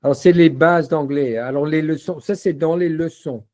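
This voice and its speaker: A man demoing a language-learning platform in a casual walkthrough, relaxed and full of fillers. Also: on the high side, moderate pace. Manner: relaxed, repeats words, many fillers.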